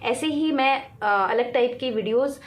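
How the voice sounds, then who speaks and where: A woman teaching a grammar lesson to children, explaining patiently and checking in often. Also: a little high. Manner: patient, explaining slowly with many "ठीक है" checks.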